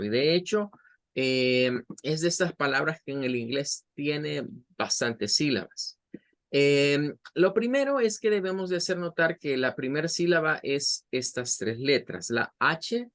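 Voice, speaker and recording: A man teaching English vocabulary to Spanish speakers, explaining slowly and patiently, spelling out words and repeating each syllable. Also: a little high, fairly bright tone. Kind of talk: bilingual vocabulary lesson.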